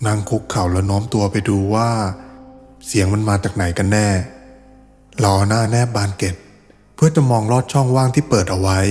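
Low-voiced man narrating a ghost story. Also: a little mellow. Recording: reverberant with faint background music.

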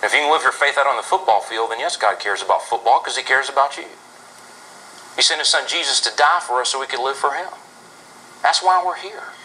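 An actor in his thirties playing an earnest, devout football coach, giving a deliberate, preacher-like pep speech to his team in a locker room. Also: medium pitch, pushed and bright, slight background noise, low-quality recording. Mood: earnest, assuring. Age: 30s.

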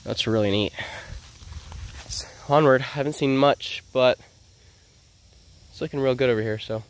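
An unhurried young man with a mid-range, stuffy-sounding voice narrates himself as he searches outdoors among the trees. His tone is chatty and excited, like a casual vlogger, and the footage comes from an action camera mounted on his head.

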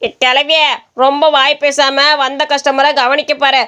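A woman voicing a lazy, crude village man who answers with gruff, dismissive retorts. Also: sits high, little pitch movement, measured pace, pushed and bright.

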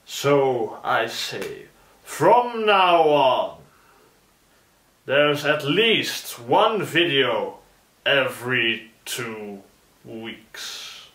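Man playing a pompous slow-talking demon. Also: medium pitch, big pitch swings, a bit bright, full character voice. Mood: commanding. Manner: pompous, dramatic proclamations. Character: grandiose theatrical male demon, ex-puppet. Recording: roomy echo.

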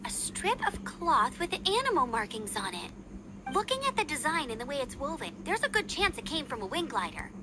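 A perky, determined young scout speaks in a bright anime game dub. The voice is high and lively, with loud game sound effects behind it. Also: female voice, a little fast, very noisy.

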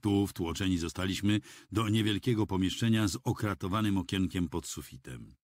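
A man reading a first-person audiobook in a measured, dramatic storytelling manner, close to a studio mic. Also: low voice, no room sound. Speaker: audiobook reader.

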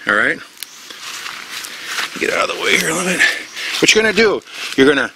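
A man's voice: on the high side, very animated, a little fast, noisy background. A middle-aged man showing a knot step by step in a tropical forest, talking plainly and repeating himself as he works. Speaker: bushcraft instructor. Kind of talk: casual outdoor knot demonstration.

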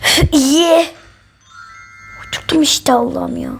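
A woman's voice: high voice, takes it slowly, creaky, soft background music, full character voice. A woman voicing a whiny teenage daughter who keeps complaining and sighing about having no clothes. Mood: sulky.

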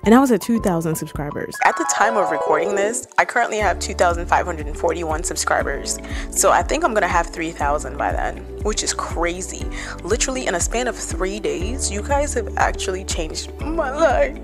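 A Cameroonian woman in her twenties, a YouTuber, chats playfully to camera in a small indoor room lit red, holding a mic close to her mouth. Her fairly low voice moves at a normal speed with music in the background. She's animated and jokey, tossing in squealed asides.

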